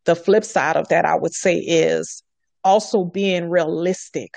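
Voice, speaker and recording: A woman with a slightly low voice speaks earnestly in casual podcast conversation. She hammers her points home by repeating them. The sound is dry and close. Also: steady tone, measured pace, gravelly, darkish tone, dry recording.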